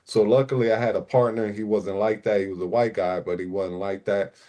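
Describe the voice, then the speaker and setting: A man with a lowish, warm voice and fairly even intonation talks a little fast. Born in Puerto Rico and raised in Newark, New Jersey, he is a panel regular on a casual livestream, laid-back and full of "you know" fillers.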